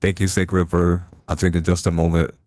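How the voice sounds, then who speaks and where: A man streaming a game through a deep pitch-shifting voice changer, chatting casually and reacting aloud to what happens on screen. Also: monotone, moderate pace, darkish tone, no echo, clean studio sound. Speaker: live streamer. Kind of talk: casual gameplay commentary.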